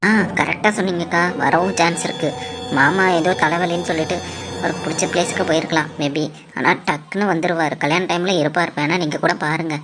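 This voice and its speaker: A woman voicing a young man in a cartoon who calmly reassures the family, soothing and confident. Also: low-pitched, fairly quick, slight background noise, voice pushed down. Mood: reassuring. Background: background music.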